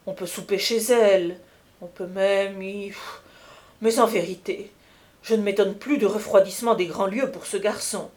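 A woman's voice: mid-range voice, steady tone, moderate pace, darkish tone, lightly acted. A woman reading as a sly mocking young duke. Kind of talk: audiobook reading.

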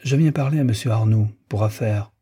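A man reading the part of a brash, overfamiliar young courtesan in an audiobook, in an offhand, casual way, with a dark, husky voice. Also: lowish voice, brisk.

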